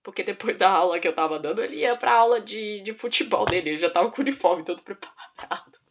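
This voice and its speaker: A young Brazilian woman who teaches children, telling stories in a casual, lively, self-mocking way with a Brazilian accent. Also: medium pitch, quick pace, slight background noise. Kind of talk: casual storytelling vlog.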